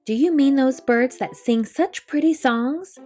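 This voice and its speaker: A woman voicing a loud, hearty, oblivious male penguin in a storybook, blaring and chanting off-beat. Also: high voice, unhurried, soft background music, voice pushed up. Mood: cheerfully oblivious.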